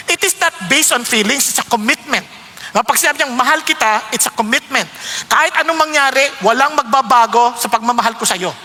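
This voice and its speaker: A man with a Filipino accent preaching a sermon, animated, acting out quoted prayers and speeches. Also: extremely high pitch. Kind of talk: sermon mixing Tagalog and English. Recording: long reverb of a large hall.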